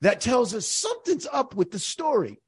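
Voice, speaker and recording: A man hosting his podcast, explaining points in an energetic, emphatic, teacherly way. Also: very high voice, moderate pace, slightly rough, no echo. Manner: energetic, emphatic, teacherly, frequent "all right". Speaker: podcast host.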